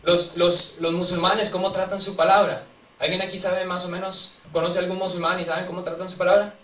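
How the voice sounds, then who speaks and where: Storytelling preacher heard from across a roomy church. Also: male voice, sits high, little pitch movement, fairly quick, a bit bright. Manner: conversational storytelling, acting out quotes, asking the congregation questions. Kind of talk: sermon. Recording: distant mic in a reverberant church, faint ambience.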